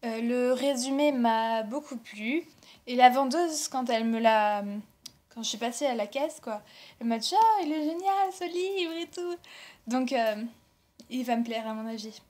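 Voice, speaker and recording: A young French woman, a book blogger, chats casually in a book haul vlog about books she received and bought, rambling with lots of fillers and self-corrections. Her voice is fairly high, a little mellow and steady in tone, at normal speed.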